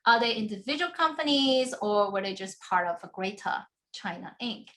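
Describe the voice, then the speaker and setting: A woman law professor giving a book talk with slides, explaining in a measured way and often checking in with "right?". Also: mid-range voice, animated, a bit bright. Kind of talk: academic lecture with slides.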